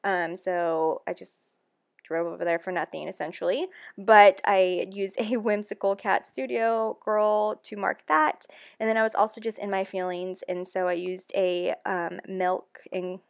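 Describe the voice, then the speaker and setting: A woman's voice: mid-range voice, steady tone, measured pace, gravelly. Chatty young woman, candid and emotional. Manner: chatty, frequent ums and likes. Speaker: planner vlogger. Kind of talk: casual talking voice-over.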